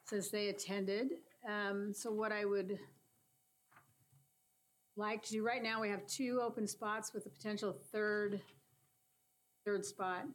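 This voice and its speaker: A woman chairing a committee meeting, moving through the agenda with frequent fillers and a relaxed, hesitant manner. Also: medium pitch, slight background noise. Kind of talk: running a meeting.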